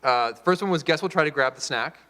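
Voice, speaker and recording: A man leading a critique discussion as instructor, talking haltingly with many fillers and restarts. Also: on the high side, sharp tone. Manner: hesitant, filler-heavy, restarting phrases. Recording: hall reverb.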